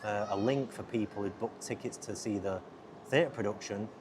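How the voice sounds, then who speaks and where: Guy with a lowish voice chatting away on his podcast, kinda distracted, lapel mic outside, pretty noisy. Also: normal speed. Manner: easily distracted, chatty, self-interrupting. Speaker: podcast host and filmmaker. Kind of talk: casual rambling solo podcast talk. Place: outdoors on a busy city riverside. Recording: outdoor lapel mic with loud surrounding noise. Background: loud outdoor ambience.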